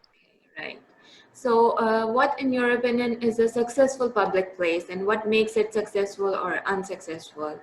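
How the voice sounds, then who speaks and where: A woman's voice: fairly high pitch, fairly even intonation, normal speed. A woman interviewer asking questions in a conversational way. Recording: roomy echo, faint background noise.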